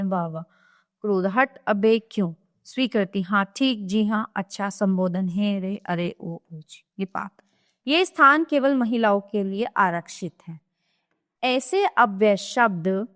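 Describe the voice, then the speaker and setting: A woman teaching a grammar lesson to children, reading rules and example sentences in a steady, measured way. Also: mid-range voice, no room sound, studio quality.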